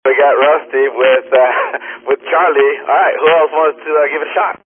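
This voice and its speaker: A man on a ham radio net, heard through a radio transmission, slowly reading exam questions and repeating the options. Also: on the high side, fairly even intonation. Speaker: radio net quiz reader. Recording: tinny ham radio with faint static.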